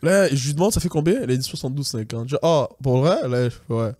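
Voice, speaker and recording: Fast-talking young Québécois man telling a story. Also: mid-range voice, no room sound, studio quality. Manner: animated, mixes English slang into French. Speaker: podcast host. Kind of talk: casual storytelling.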